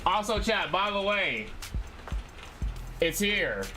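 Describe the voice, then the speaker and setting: A young man hosting a game livestream talks slowly but very animatedly in a high, sharp voice, with soft music in the background. His casual chatter is full of slang, and he greets viewers like buddies with bro and y'all.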